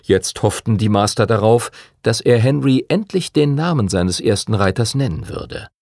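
A man reading a fantasy storybook aloud in a steady, expressive way. His voice is gravelly with lively pitch movement, and the recording is dry and close, with no room sound. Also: normal speed, dry recording. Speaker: audiobook narrator. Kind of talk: scripted storybook narration.

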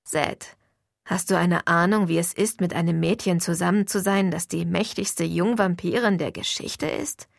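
A woman reading an audiobook voices a caring teenage vampire boy, speaking softly and low in a reassuring way. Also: normal speed, creaky, dry recording, clean studio sound. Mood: tender.

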